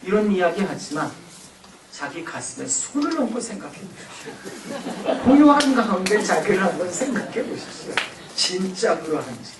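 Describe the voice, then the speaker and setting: Man giving a church lecture, playful, bouncy pitch, echoey hall w faint hiss. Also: moderate pace. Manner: animated and playful, acting out scenes. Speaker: seminary professor and guest lecturer. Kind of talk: church lecture on family communication. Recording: echoey hall, far from mic.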